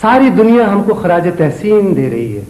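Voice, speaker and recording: An actor playing a self-important young poet son who speaks in flowery words, in a comic stage play. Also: male voice, high-pitched, sing-song, normal speed, warm tone, echoey room, poor audio.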